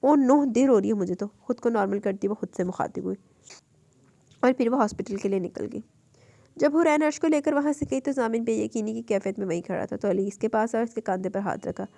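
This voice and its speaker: A woman narrating a romance novel as an audiobook, in a steady, expressive storytelling voice. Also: fairly high pitch, brisk, gravelly, dry recording.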